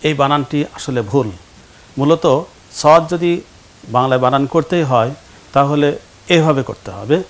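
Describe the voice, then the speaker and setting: A man leads a televised Quran reading lesson at a classroom board. He speaks patiently at an ordinary pitch, drilling pronunciation and quizzing his students. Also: moderate pace, long pauses.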